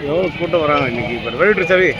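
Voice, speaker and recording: A man's voice: fairly high pitch, expressive, quick pace, lo-fi sound. A man with a Tamil Nadu accent chatting casually while walking outdoors. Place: outdoors on a busy pilgrimage road. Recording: loud crowd and traffic outdoors.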